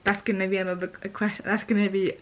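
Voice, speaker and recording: A woman's voice: medium pitch, little pitch movement, quick pace, poor audio. Twenties woman, mother and vlogger, chatty and frank, faint background hiss. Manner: chatty and candid, often laughing, with a catch of emotion. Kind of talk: casual chat.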